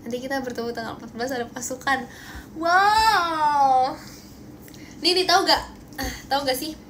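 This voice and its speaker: High-voiced young indonesian girl chatting on a phone stream, bubbly, keeps thanking viewers, faint hum behind. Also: rapid-fire, a bit bright. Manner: bubbly, thanks viewers for gifts, playful protests. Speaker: idol livestream host. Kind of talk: casual livestream chat. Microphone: phone livestream.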